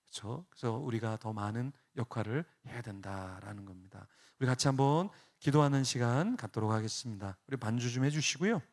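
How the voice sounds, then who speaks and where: A man preaching at a parents' seminar in a church, acting out parents and children in quick quoted lines and rising into fervent prayer. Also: medium pitch. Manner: rises to loud fervent prayer. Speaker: pastor. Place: church hall.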